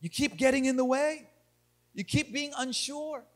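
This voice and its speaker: A man preaching a sermon as pastor, moving from calm talk to loud emphasis. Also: very high-pitched, moderate pace.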